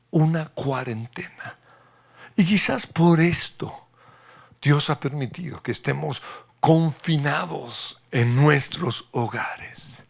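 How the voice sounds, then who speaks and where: A man preaching a sermon as a pastor, slow and emphatic, dropping often into near whispers for effect. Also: mid-range voice, vocal fry, breathy edge. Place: church.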